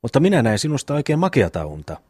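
A man's voice: mid-range voice, sing-song, a little mellow, slightly rough, dry recording. A man voicing a sly, mocking young peasant brother in an audiobook. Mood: teasing. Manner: mocking, dry wit.

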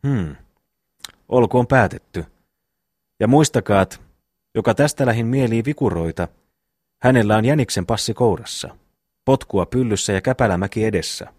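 A man reads out a hot-headed eldest brother in a storybook, bossy and blustering, his voice pitched low. It is recorded dry and close, with no room sound. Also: long pauses, a little mellow, husky, dry recording. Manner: blustering, commanding.

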